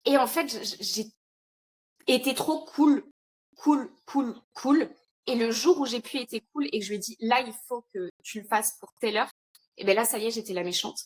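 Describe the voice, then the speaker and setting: A woman in a casual podcast conversation, talking about her work in a lively, chatty way with frequent fillers and laughs. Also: on the high side, fast talker. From France. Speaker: founder of an entrepreneur retreat, podcast guest.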